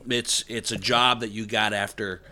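A man's voice: fairly low pitch, little pitch movement, moderate pace, pushed and bright. A man in his late fifties hosting a casual interview chat, joking with playful asides. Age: 50s. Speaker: host.

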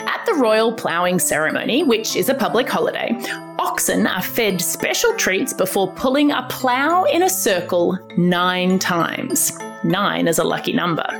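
Over music, a woman with an Australian accent hosts a children's podcast, offering an upbeat, scripted explainer for young listeners. Her lowish, creaky voice is expressive and unhurried, and her storytelling comes across as bright and upbeat.

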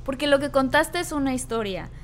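Enthusiastic high-voiced Mexican woman host. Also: expressive, brisk, a bit bright, a little hiss or hum. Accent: Mexican Spanish. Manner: enthusiastic, exclamatory reactions. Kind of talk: casual chat.

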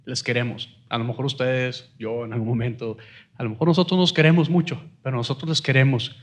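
A man's voice: medium pitch, steady tone, fairly quick. A man hosting a podcast conversation, guiding it toward the close in a friendly way. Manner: friendly, steers the talk toward closing. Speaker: podcast host.

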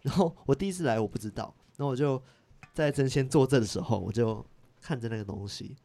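A man from Malaysia, a podcast guest, who speaks in a flat, matter-of-fact way. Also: medium pitch, quick pace, vocal fry. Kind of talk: casual chat.

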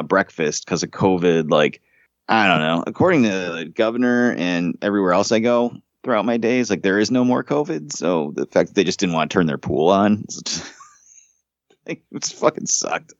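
Profane, deep-voiced New man. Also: moderate pace, no echo, highs cut off. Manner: profane, animated storytelling. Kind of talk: casual chat.

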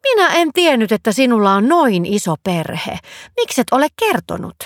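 A woman voicing an excited, curious little girl in a storybook reading. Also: fairly high pitch, no room sound, studio quality. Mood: eager.

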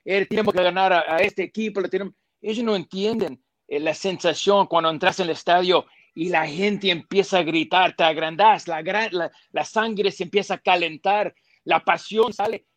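Man, football pundit, fillers, emphatic, slightly high voice, dry studio sound. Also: normal speed, dry recording. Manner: emphatic, repeats points, mixes English fillers like "so" and "yeah". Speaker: football pundit, former player. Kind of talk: studio sports panel discussion.

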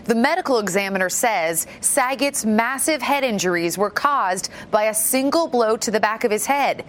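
A woman's voice: a little high, animated, normal speed, a bit bright, a little hiss or hum. An American woman correspondent narrating a scripted TV news report.

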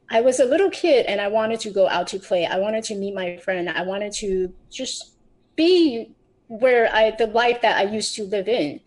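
A woman's voice: medium pitch, darkish tone, rough recording. A middle-aged woman from Taiwan, a podcast guest, recounting her personal story earnestly, with frequent restarts.

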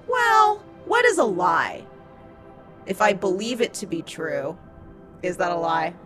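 A woman's voice: lowish voice, moderate pace, close to an everyday voice. A woman playing an evasive, sarcastic female bounty hunter in a tabletop role-playing game, deflecting with coy questions. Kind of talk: in-character tabletop role-play. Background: background music.

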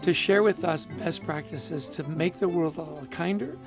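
A man co-hosting a podcast in casual chat, enthusiastic and quick to laugh. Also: a little high, music in the background. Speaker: podcast co-host.

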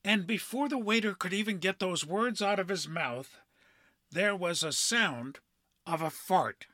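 A middle-aged man hosting a podcast, telling a story in a measured way with frequent pauses and "uh" fillers. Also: sits high, bright, forceful tone, dry recording. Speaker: podcast host. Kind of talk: storytelling monologue.

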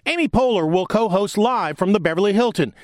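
A man's voice: high voice, lively intonation, fairly quick, slight background noise. A man reading scripted tabloid TV news narration as an entertainment reporter. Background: music bed.

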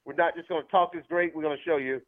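A man's voice: on the high side, fairly even intonation, fast. A man in his fifties calling in as a radio guest, talking eagerly with lots of "uh" fillers. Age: 50s. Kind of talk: phone-in interview. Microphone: phone. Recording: tinny phone line.

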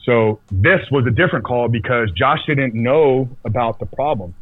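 A man telling a personal story as a podcast guest in a casual, halting way, full of restarts and fillers. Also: mid-range voice. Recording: tinny phone-like dry sound.

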